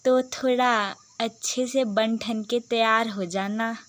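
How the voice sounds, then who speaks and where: A proper, mildly reproving mother-in-law from an animated story, voiced by a woman. She speaks in a high voice, very slowly and deliberately. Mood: instructing.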